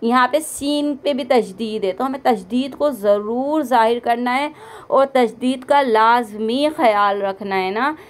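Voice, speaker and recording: High-voiced woman teaching slow recitation. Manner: slow, drawn-out modelling of each word, then quick explanations. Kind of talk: step-by-step recitation lesson.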